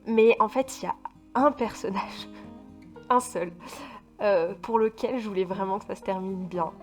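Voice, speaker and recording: A woman's voice: mid-range voice, a little slow. A woman from France talks through her recent reads in a loose, casual vlog voice. She trips over her words and restarts often, filling gaps with little hesitations, and gets emphatic whenever she describes how a book made her feel. Faint music plays underneath. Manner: stumbling, restarts often, many fillers; expressive, emphatic about feelings. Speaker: book vlogger. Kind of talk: casual book review chat.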